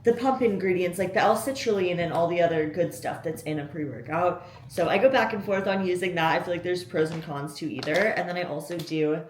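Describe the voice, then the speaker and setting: A young woman vlogging her day into a handheld camera, chatty and candid, with a slightly low voice for a woman. She talks freely to her viewers, with plenty of fillers and quick asides. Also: slight background noise, low-quality recording. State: out of breath after cardio. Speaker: fitness coach and competitor. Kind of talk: casual vlog talk to camera. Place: gym, then outdoors by a road.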